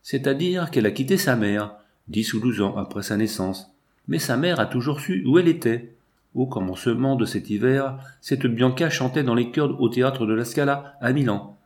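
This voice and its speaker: A man's voice: mid-range voice, normal speed, darkish tone, lightly acted. A man voicing a sly, insistent male business agent in an audiobook, with an eager, self-assured manner. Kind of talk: audiobook character voice.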